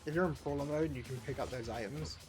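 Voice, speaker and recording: A man's voice: a little high, fast talker, music in the background. A man giving casual let's play commentary as a streamer, chatty and full of fillers, often tripping over his words.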